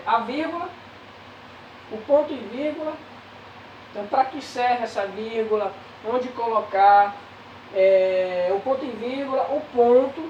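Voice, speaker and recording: A Brazilian woman teaching a grade-school class, pausing with drawn-out fillers between phrases. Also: fairly high pitch, darkish tone, far from the mic, slight background noise. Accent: Brazilian Portuguese. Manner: slow, hesitant, many drawn-out fillers. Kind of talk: recorded remote lesson. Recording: echoey room, voice off-mic.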